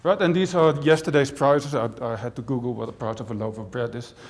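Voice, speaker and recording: A man from the Netherlands gives a talk to a room full of people, chatty and wry, and he keeps checking in with the crowd. His voice sits at an ordinary pitch. A long reverb from the large auditorium trails behind every phrase. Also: fairly quick. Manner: lively, conversational, with dry jokes and frequent "right?". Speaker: university professor and speaker. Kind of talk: conference talk to an audience.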